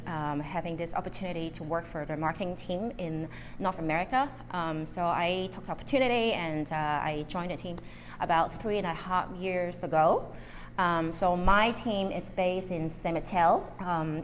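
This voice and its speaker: A woman from Hong Kong speaking at a live interview before an audience, relaxed and chatty, with many fillers and small slips in English. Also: on the low side, a little hiss or hum. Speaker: guest speaker, marketing manager.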